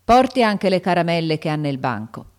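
A woman reading aloud and voicing an irritable older male schoolteacher who gives orders in a booming, commanding voice. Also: very animated, normal speed, a little mellow. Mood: stern, scolding. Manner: stentorian, commanding.

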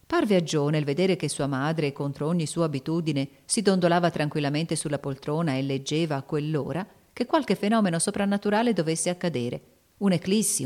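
A woman reading a classic novel aloud as narrator, steady and even. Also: lowish voice, a little fast. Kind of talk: scripted audiobook narration.

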